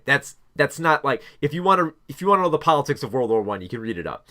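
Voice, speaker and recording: A man's voice: medium pitch, bright, forceful tone. Rambling man reviewing films. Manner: rambling, many fillers and restarts. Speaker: film reviewer. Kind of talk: casual spoken movie review.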